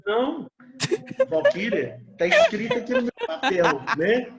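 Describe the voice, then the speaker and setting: Brazilian pastor, Minas Gerais accent, high voice, loose talky teaching, echoey muffled audio. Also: male voice, wildly swooping pitch, measured pace, fairly bright tone. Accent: Brazilian Portuguese, Minas Gerais. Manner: conversational, with many filler tags and restarts. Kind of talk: teaching a church couples class.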